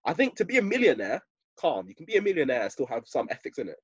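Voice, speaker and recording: Young man, London roadman accent, lively pitch, husky tone, matey slang, casual podcast chat, dull close recording. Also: fast, dry recording. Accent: London roadman, urban British slang. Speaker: podcast co-host.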